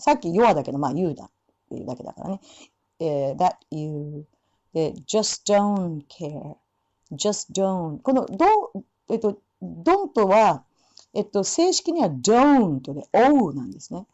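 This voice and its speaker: A woman teaching English pronunciation for singing, with relaxed explanations and slow spoken demonstrations of English words. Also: fairly low pitch. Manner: demonstrates English sounds slowly between explanations. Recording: dull lo-fi sound.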